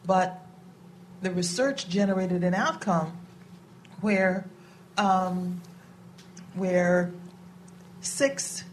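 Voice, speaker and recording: A woman committee member making deliberate, emphatic remarks at a hearing. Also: on the low side, recorded from a distance, slight background noise.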